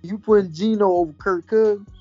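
A man with an American accent and a husky voice, casually debating sports with friends. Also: sits high, steady tone, brisk, mellow. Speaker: sports podcast host. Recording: dull lo-fi audio, music underneath.

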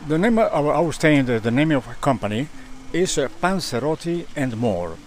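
A native Italian man with an Italian accent, a food stand owner giving a halting, enthusiastic pitch in an interview at a street fair event. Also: big pitch swings, slight background noise. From Italy. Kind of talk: interview answers at an outdoor event.

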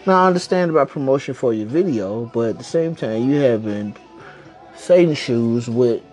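A man's voice: mid-range voice, lively intonation, moderate pace, darkish tone, faint music behind. A man hosting a casual podcast from home, rambling along in slang and swearing freely. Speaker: podcast host. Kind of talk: casual chat.

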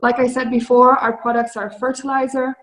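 A woman founder delivering a prepared investment pitch in a structured, presentational way. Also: level tone, brisk, rough recording.

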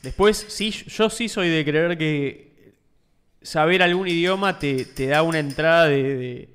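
An Argentine man co-hosts a casual podcast, explaining topics in loose, slangy talk. His voice sits a little high and sounds smooth and clear. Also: measured pace, a bit bright. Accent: Argentine Spanish. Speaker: podcast co-host. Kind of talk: casual chat.

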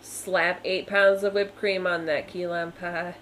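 A young woman co-hosting a casual podcast, chatting in a relaxed, easily amused way. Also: lowish voice, a little slow, slight background noise, low-quality recording. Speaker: podcast co-host. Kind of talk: casual chat.

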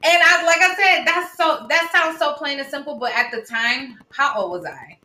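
Woman guest with a bright, forceful voice, reflective and easy to laugh, echoey room. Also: high-pitched, moderate pace. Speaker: podcast guest. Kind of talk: casual chat. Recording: roomy echo with faint noise.

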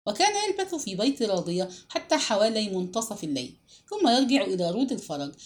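A woman narrating a novel as a scripted audiobook, reading expressively. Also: medium pitch.

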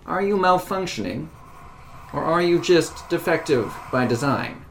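Woman acting a creaky old outdated robot. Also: low voice, a little slow, slight background noise. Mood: puzzled, measured. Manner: old robot talk, announces each sentence type flatly. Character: old outdated combat robot, stiff, loyal, defiant. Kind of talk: tabletop role-play.

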